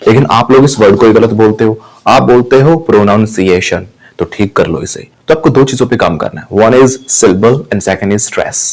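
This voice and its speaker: A man with an Indian English accent teaching English pronunciation, mixing Hindi and English and repeating words slowly to drill them. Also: lowish voice, darkish tone.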